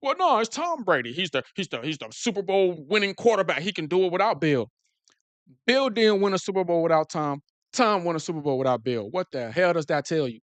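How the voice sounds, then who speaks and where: A man hosting a casual live stream, talking fast and excitedly, repeating himself and using slang. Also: high voice, no echo. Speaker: football streamer host.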